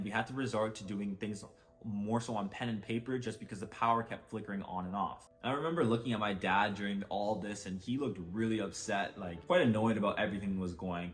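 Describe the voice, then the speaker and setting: A young man with a somewhat low voice narrates a vacation mishap for his channel. He talks in a relaxed, conversational way, often leaning on filler words like "like" and "basically.". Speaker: storyteller. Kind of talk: casual storytime narration.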